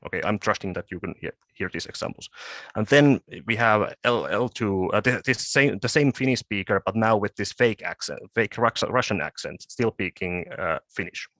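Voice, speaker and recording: Halting low-voiced man presenting research. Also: lively intonation, a bit bright, no room sound. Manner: halting, with frequent word repeats and restarts. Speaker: conference presenter. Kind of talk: academic conference presentation.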